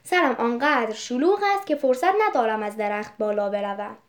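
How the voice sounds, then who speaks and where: A storybook boy who ages into a worn-out old man speaks plainly and to the point, as a woman reader voices him. The voice is high for the part. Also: natural voice. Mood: demanding.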